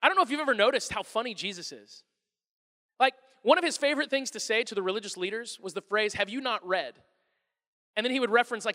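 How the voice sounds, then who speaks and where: Casting: male pastor, very high bright voice, lively and joking delivery. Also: long reverb tail. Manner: animated, joking, conversational preaching. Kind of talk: sermon.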